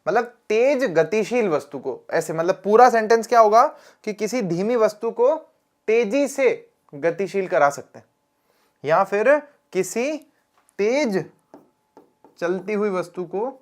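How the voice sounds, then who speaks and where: A man's voice: sits high, expressive, a little slow. Male science tutor for a lesson video, conversational and engaging, keeps checking that students follow. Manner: chatty, quizzes students with questions. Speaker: science teacher. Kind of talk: classroom lecture video.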